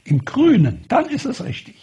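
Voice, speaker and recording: A man's voice: extremely high pitch, huge pitch swings, normal speed, warm tone, breathy edge, pitched above the performer's own voice, full character voice. An older man voicing a curt, commanding Japanese woman eye doctor in a spoken anecdote. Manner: brusque, commanding.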